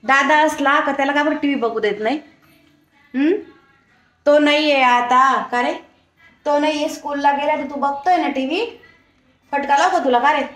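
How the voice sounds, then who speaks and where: A woman's voice: sits high, steady tone, moderate pace, long pauses, fairly bright tone, reverberant. A woman vlogging casually at home, talking to viewers and playfully coaxing a small child.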